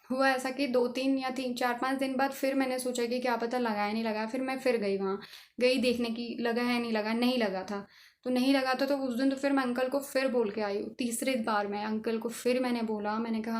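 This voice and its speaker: A woman telling a personal story on her own vlog channel in an earnest, emphatic way. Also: a little high. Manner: earnest, emphatic, passionate about social causes. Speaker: channel creator.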